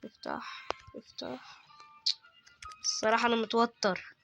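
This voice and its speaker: A man's voice: very high-pitched, unhurried, vocal fry, pushed and bright, faint music behind. A man with an Egyptian Arabic accent doing let's-play horror game commentary, chatty with viewers and yelping at sudden frights. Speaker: gaming YouTuber.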